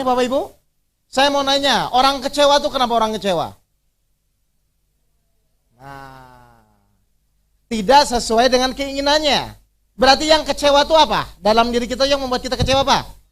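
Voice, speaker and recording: A man's voice: extremely high pitch, fairly bright tone. A man leading an interactive religious workshop, quizzing his audience with rhetorical questions and repeating key phrases. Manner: repeats key phrases to drive points home. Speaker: Islamic preacher.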